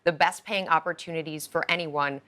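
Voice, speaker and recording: A woman in her thirties hosts a live studio broadcast with an upbeat, enthusiastic manner. Her voice sits a little low yet sounds bright and forward. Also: fairly even intonation, a little fast. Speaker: host. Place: television studio.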